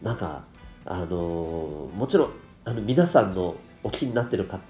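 A man's voice: low voice, lively intonation, a little slow, a little mellow. A man with a congested, nasal voice, talking politely and explaining things to listeners as a solo podcast host. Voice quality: nasal, stuffed-up voice. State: congested from rhinitis and dust. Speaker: podcast host and parenting coach. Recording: roomy, echoey sound with light music.

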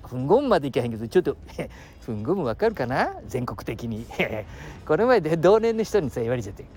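A man's voice: a little high, sing-song, fast talker, darkish tone, soft background music. Rambling man in his sixties with a Nagoya dialect. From Aichi, Japan. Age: 60s. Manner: rambling, jumps between topics, chuckles often. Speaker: podcast host. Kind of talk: casual solo chat. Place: outdoors by the seashore.

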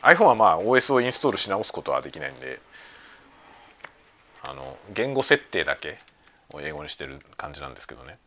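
A man hosting a casual chat show, talking in a relaxed, rambling way over lunch at home. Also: rumbling low, fast talker, long pauses. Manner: relaxed rambling talk while eating lunch. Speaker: podcast host. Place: home kitchen with everyday sounds. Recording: faint household background noise.

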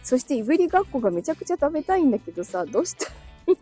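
A woman's voice: high-pitched, sing-song, rapid-fire, warm tone, soft background music. A woman hosting a casual live stream from home, chatting with listeners, reading their comments aloud and laughing often between phrases. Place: indoors at home.

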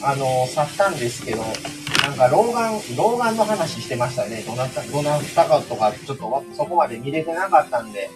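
A man's voice: mid-range voice, fairly quick, far from the mic, music in the background, low-quality recording. A man in his forties with a Kansai accent, co-hosting a casual livestream chat and talking politely with listeners. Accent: Kansai Japanese. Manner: relaxed, chatty, polite with listeners. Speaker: livestream co-host.

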